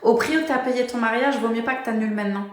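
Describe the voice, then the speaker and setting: A woman's voice: fairly high pitch, quick pace, echoey room, natural voice. Woman doing a blunt cheeky best friend.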